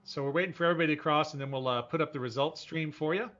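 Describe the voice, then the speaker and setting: A man with a slightly high, bright voice talks rapid-fire as he hosts and commentates a live sim racing broadcast in a folksy, enthusiastic, informal style. The broadcast audio sounds dull and lo-fi.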